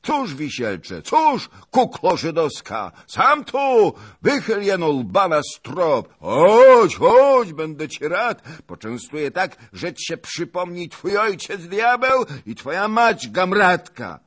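A man's voice: sits high, huge pitch swings, takes it slowly, hardly any pauses, fairly bright tone, husky, voice pushed up, heavily acted. A man voicing a boisterous, blustering old nobleman in an audiobook, roaring insults. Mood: taunting. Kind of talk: audiobook character voice.

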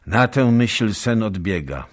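A man's voice: fairly low pitch, expressive, slow pace, pitched above the performer's own voice. A man voicing a small, brave knight who speaks curtly and briefly. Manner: curt, then shouting alarm.

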